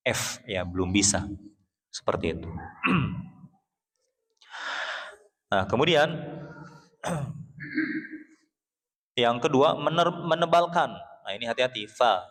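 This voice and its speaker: A man from West Java with a Sundanese accent, teaching Quran recitation in a mosque. He patiently explains how the letters sound, then chants verses slowly for the class to repeat, and often clears his throat. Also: mid-range voice. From Sundanese region of West Java, Indonesia. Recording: long reverb of a mosque hall.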